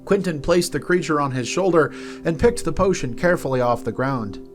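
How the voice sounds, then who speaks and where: A man reading a fantasy story aloud as narrator, in an expressive, soft-spoken way. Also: a little high, a little fast, over music. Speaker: narrator and game company host.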